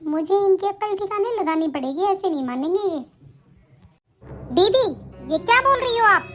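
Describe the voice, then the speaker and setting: A dutiful young sister-in-law who has had enough, as a woman voices her in an animated story. She speaks in a very high voice, firmly and indignantly, and lectures back. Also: normal speed, faint music behind.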